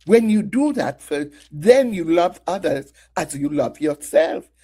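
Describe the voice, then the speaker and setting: A middle-aged woman delivers a Mother's Day sermon in an unhurried, deliberate way. Her voice is warm and slightly husky as she presses her listeners with rhetorical questions and weaves in her own testimony. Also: deep voice, expressive. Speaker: women's ministry speaker.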